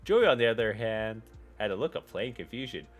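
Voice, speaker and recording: A man's voice: fairly low pitch, animated, a little fast, faint music behind. A man streaming himself reading fan fiction aloud, often breaking off for joking, mocking asides.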